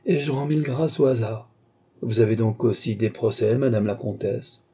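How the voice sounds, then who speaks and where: A man's voice: mid-range voice, steady tone, normal speed, mellow, breathy edge, lightly acted. A man voicing a courtly, sly old male duke who teases with mock politeness. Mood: teasing. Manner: gallant, teasing, mock-polite.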